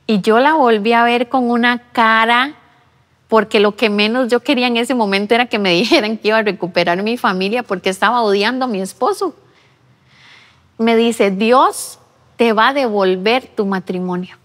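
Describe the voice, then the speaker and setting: A woman's voice: fairly high pitch, normal speed. Woman telling her faith story, earnest, in a church, lots of reverb. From Costa Rica. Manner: earnest storytelling, re-enacting her own past words. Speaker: interviewee giving a testimony. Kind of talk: personal faith testimony. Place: church interview set. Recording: long reverb of a large room.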